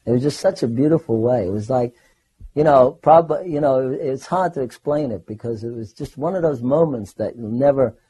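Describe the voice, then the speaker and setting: An older man recounting personal memories in a rambling, animated way, often restarting his sentences. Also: medium pitch, brisk, husky, rough recording. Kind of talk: personal anecdote storytelling.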